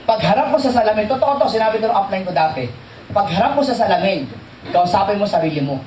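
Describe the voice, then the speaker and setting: Animated man training a crowd. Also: high-pitched, quick pace, slight background noise. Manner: animated, jokey, quizzes the audience. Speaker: seminar trainer. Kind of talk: motivational training talk. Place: seminar hall with audience. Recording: echoey hall, distant mic, faint crowd.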